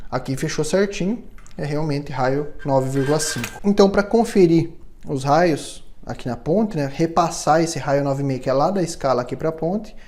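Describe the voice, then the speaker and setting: A man, speaking in a slightly raised, mellow and warm voice. He explains instrument setup patiently, step by step, as a hands-on workshop demonstration, and keeps checking in with the listener. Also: fairly high pitch. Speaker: luthier instructor.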